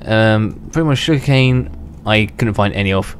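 This gaming channel host is a young man whose lowish voice moves at a moderate pace, a little worn from illness. He offers loose, meandering commentary over gameplay, chuckling and starting sentences over. There's a little hiss or hum, plus faint background music.

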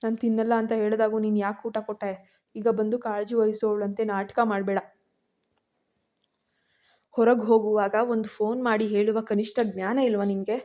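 A woman's voice: mid-range voice, flat delivery, normal speed, dark tone, close to an everyday voice. A woman voicing an angry, possessive young husband in a storybook reading, curt and scolding.

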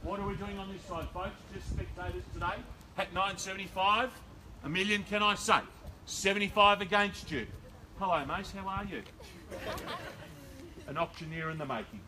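A man's voice: high-pitched, sharp tone, a little hiss or hum, poor audio. A middle-aged Australian man calling a live property auction outdoors, delivering persuasive sales patter and rhythmic bid calls. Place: outdoors on a suburban front driveway. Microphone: far camera, no visible mic.

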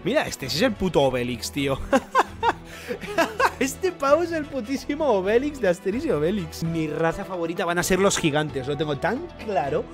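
A young man with a Spain Spanish accent talks through a manga chapter in a bright, high voice that leaps up and down. He jokes and swears freely as he reacts. Faint music plays behind him. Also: moderate pace. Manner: animated, swearing, jokey. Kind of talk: excited reaction commentary.

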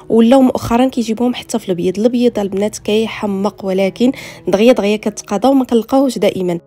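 Rapid-fire Moroccan woman touring her home. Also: mid-range voice, mellow. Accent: Moroccan Arabic. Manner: chatty, addresses viewers as "girls"; mixes in French words. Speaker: home decor vlogger. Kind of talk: voice-over room tour.

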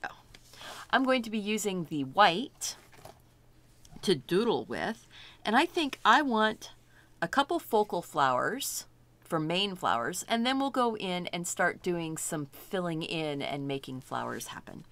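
A middle-aged woman leads a painting lesson at an unhurried pace. Her pitch sits on the low side but swings widely, and she chats and thinks aloud as she works. She cheerfully admires her own progress along the way. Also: big pitch swings, a bit bright. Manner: chatty, self-delighted, thinking aloud while working. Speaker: art instructor.

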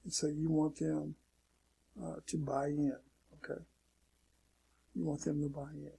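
A man with a somewhat high, gravelly, mellow voice and a breathy edge teaches an online marketing lesson in a casual screen-share tutorial. His delivery is flat and a little slow; he's loose in style, says "okay" a lot, and repeats his warnings.

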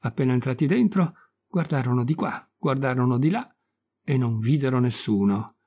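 A man narrating a children's classic as an audiobook reader, in a steady, measured reading. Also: medium pitch. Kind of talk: storybook narration.

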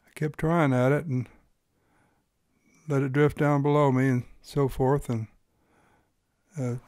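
A man's voice: medium pitch, flat delivery, unhurried, a little mellow, no room sound, clean studio sound. A man hosting and narrating his own fishing video in an easygoing, folksy explaining manner. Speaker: fly-fishing guide and host.

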